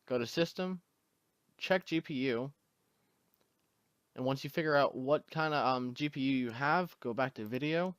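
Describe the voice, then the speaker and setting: A man with hiccups hosting a casual screen-recorded tutorial, walking through the steps in a relaxed way with fillers. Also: medium pitch, moderate pace, long pauses, smooth, no echo. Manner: relaxed step-by-step instructions with fillers. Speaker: tutorial host.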